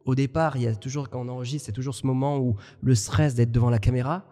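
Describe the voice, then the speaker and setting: Dark-voiced French man, halting. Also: mid-range voice, steady tone, long reverb tail. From France. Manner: thoughtful, halting, many restarts. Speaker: podcast co-host. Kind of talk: casual conversation.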